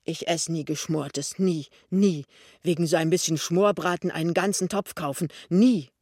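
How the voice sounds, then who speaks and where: Storybook young husband, nervous and hurried, plain dry voice, read by a man. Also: a little high, fairly even intonation, darkish tone, dry recording, close to an everyday voice. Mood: worried. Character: young man, anxious, hasty, embarrassed.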